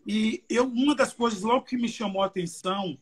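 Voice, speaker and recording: A man's voice: sits high, brisk, slightly rough. A man with a Brazilian Portuguese accent preaching a sermon at a youth church service, emotional and conversational, with many fillers. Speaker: evangelist preacher. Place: church service streamed live.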